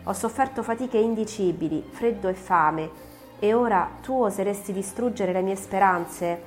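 A woman's voice: mid-range voice, moderate pace, darkish tone, faint music behind, natural voice. A woman voicing a bitter, vengeful male creature in an audiobook, declaiming his threats with force. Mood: reproachful. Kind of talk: audiobook reading.

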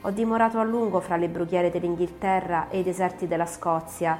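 A woman gives voice to a bitter, vengeful creature who declaims his threats with weight. The voice sits a little low and pushes its words out hard. Faint music plays under the reading. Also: fairly even intonation, fairly quick, darkish tone, lightly acted. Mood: reproachful. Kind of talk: audiobook reading.

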